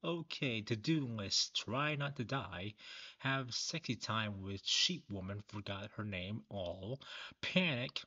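A man's voice: lowish voice, expressive, takes it slowly, bright, forceful tone, slightly rough, lo-fi sound. A young man hosting a reaction video, making playful, laughing quips in casual commentary.

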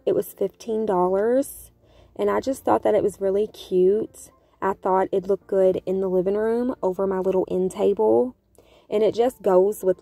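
A woman's voice: mid-range voice, dry recording. A woman vlogger chatting casually to her viewers in a voice-over, upbeat and friendly. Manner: chatty, upbeat, addresses viewers as you guys. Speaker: home vlogger. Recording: voice-over with soft background music.

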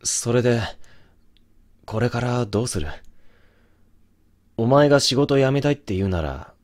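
A man's voice: mid-range voice, animated, a little slow, darkish tone, natural voice. A man voicing a young boyfriend in an ASMR situation drama, remorseful, brusque yet tender and protective, talking bluntly and intimately as in pillow talk. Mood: apologetic, subdued.

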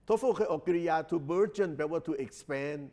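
A man lectures, pitched a bit higher than most men. He explains at an unhurried pace, repeats phrases and stretches out English words for clarity. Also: darkish tone. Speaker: English exam tutor. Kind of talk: recorded lecture.

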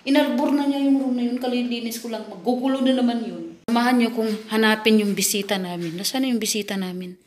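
High-voiced chatty woman vlogger. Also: fairly even intonation, fast, hardly any pauses, a little mellow, echoey room, a little hiss or hum. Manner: chatty, laughing, teasing storyteller. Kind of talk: casual vlog talking to viewers. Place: home indoors.

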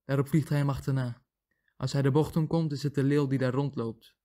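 Man calmly reading a fable aloud. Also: medium pitch, a little fast. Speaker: language comparison reader.

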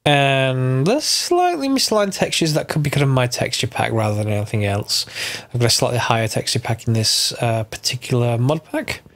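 Animated and fairly bright in tone, this man speaks at normal speed with a medium pitch, though a cold has left him stuffy. He casually narrates a Minecraft mod tutorial, working things out aloud and amending himself.

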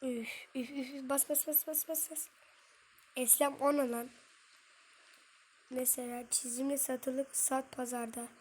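A woman's voice: sits high, flat delivery, measured pace, long pauses, a little mellow, a little hiss or hum. A woman giving casual gameplay commentary, muttering and cursing at the game and chatting to her viewers. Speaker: gaming streamer.

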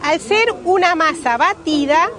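High-voiced Rioplatense woman demonstrating a recipe. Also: unhurried, a crowd in the background. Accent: Rioplatense Spanish. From Uruguay. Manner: simple step-by-step explaining, repeats key words. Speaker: pastry cook. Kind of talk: live cooking demonstration. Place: outdoor fair stand. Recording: music playing behind, outdoors.

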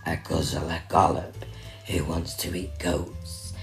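A woman voicing a greedy, gleeful male troll in a deep growl for a read-aloud picture book. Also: steady tone, slow, exaggerated voice. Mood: gloating. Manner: gloating, relishing every word. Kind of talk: storybook reading. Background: soft music.

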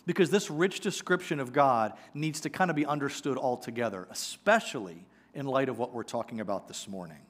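A man in his forties, a pastor giving a conversational, animated sermon on a church stage with a headset mic. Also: mid-range voice, fairly quick, few pauses. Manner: conversational, animated preaching with gestures. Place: church sanctuary stage, indoors.

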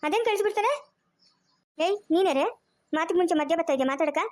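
A woman playing a shrill furious scolding wife. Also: fast, no room sound, studio quality. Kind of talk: amateur family drama.

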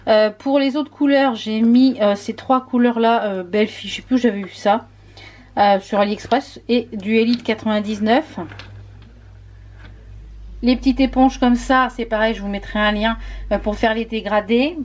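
A woman talks casually to her viewers in a slightly high voice. Her voice is hoarse and she runs short of breath. She rambles along, full of little hesitations. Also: steady tone, moderate pace, darkish tone. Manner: chatty, full of fillers and hesitations. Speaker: beauty vlogger. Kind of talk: casual vlog chat to camera.

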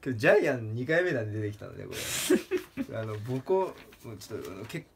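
A man casually presenting joke pictures, laughing at his own gags and jumping into a strained high voice for punchlines. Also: fast talker, gravelly, slight background noise. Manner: laughs at his own jokes, lively pitch swings. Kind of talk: casual comedic talk with laughter.

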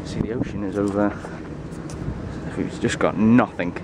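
A young man vlogs from the deck of a tall ship, holding the camera at arm's length. His voice sits low and he jokes about himself as he talks. Loud wind and sea noise batter the camera microphone. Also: fairly even intonation, measured pace. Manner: chatty, self-mocking. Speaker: vlogger. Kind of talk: casual self-filmed vlog. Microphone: handheld camera at arm's length.

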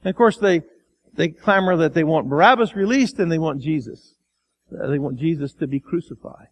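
High-voiced Midwestern pastor preaching. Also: male voice, lively intonation, moderate pace. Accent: American Midwest. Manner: acts out the crowd and Pilate in quotes, sometimes shouting; drops to a quiet, low voice for emphasis. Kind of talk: sermon.

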